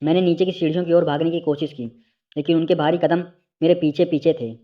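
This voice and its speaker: A man narrating a first-person story in a steady, dramatic reading. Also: on the high side, quick pace, narrow, tinny audio.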